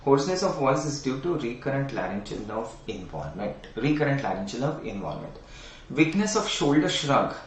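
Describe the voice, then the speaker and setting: A man's voice: medium pitch, sing-song, a little fast, a little hiss or hum. A middle-aged man with an Indian English accent teaching anatomy in an online lecture, quizzing students and repeating key terms. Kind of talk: online exam-prep lecture. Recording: echoey room, mic at a distance.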